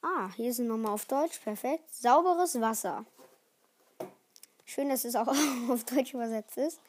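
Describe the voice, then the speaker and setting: A woman's voice: on the high side, unhurried, a little mellow, slight background noise. A teenage girl hosting her own podcast in casual solo chat, rambling and often restarting her sentences. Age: teens. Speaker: podcast host.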